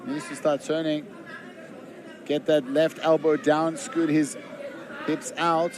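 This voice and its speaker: A man giving conversational colour commentary on a live fight, informal and analytical, with halting phrasing. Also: on the high side, level tone. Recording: crowd noise behind. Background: arena crowd.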